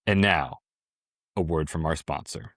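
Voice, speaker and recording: Deep, dry-voiced deadpan announcer for a mock ad, as a podcast host puts him on. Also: male voice, a little slow, no echo. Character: deadpan male newscaster reading a spoof ad. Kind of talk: mock commercial read.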